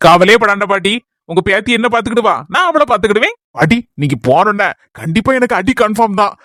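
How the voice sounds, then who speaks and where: A man's voice: high voice, animated, fast talker, fairly bright tone, no room sound, studio quality. A man playing a playful young husband who teases his wife's grandmother in a comedy skit, with a Kanyakumari Tamil accent and joking banter. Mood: teasing. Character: teasing young husband, playful son-in-law.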